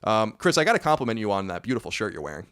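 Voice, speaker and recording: A man's voice: fairly low pitch, very animated, very fast, a bit bright, clean tone. A man in his thirties hosting a casual podcast, rambling and correcting himself with wry asides. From United States. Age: 30s. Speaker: podcast host.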